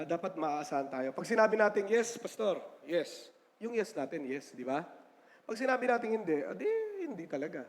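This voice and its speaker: Male pastor, high voice, chatty joking sermon, asks for amens, long church reverb. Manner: chatty and joking, often asks the congregation "Amen?"; mixes in English definitions. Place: church sanctuary.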